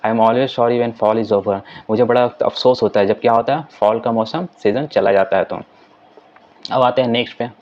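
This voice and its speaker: A man teaching English in Hindi. He reads English sentences slowly, explains them quickly, and keeps saying "ठीक है" as he goes. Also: medium pitch, muffled recording. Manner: repeats "ठीक है" as a filler.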